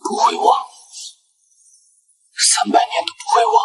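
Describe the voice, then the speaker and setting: A man voicing a gruff, protective male guardian in an animated drama, speaking in curt, clipped lines. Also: a little slow, natural voice.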